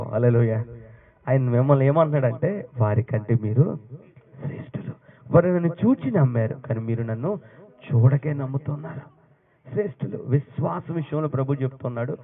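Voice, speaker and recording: A man preaching a sermon as pastor, throwing questions to the congregation and rising to loud, emphatic bursts. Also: on the high side. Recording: tinny phone-like sound.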